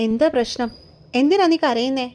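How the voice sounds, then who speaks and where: A woman voicing a stern, gruff young man who scolds bluntly and gets irritated quickly. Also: high-pitched, lively intonation, a little mellow. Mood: demanding.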